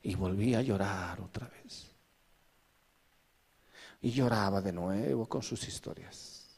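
A man's voice: fairly low pitch, takes it slowly, vocal fry, a little mellow, slightly rough, long reverb tail. A man preaching a sermon as pastor, firing rhetorical questions at the congregation and acting out short asides.

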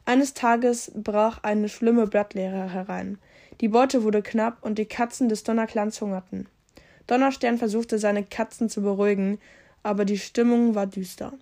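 A woman's voice: medium pitch, steady tone, measured pace, darkish tone. A woman reading a story aloud in a casual, unpolished way. She trips over words and corrects herself as she goes, and stops now and then to comment. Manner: reads with slips and self-corrections. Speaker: podcast host reading a story.

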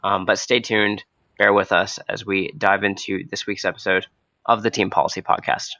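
A young man with a low, froggy voice, hoarse from a cold, hosts a podcast off the cuff. His delivery is casual and hesitant, with a bright, forward edge. The recording is close and dry. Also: flat delivery, moderate pace, dry recording, dull audio. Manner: hesitant, loosely unscripted. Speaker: podcast host. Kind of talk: casual, spontaneous podcast talk.

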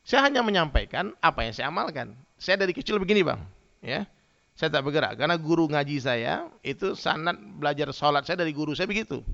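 Gravelly man preaching with humor. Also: a little high, brisk. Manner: lively storytelling, addresses listeners directly. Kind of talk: humorous sermon with anecdotes. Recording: dull lo-fi sound.

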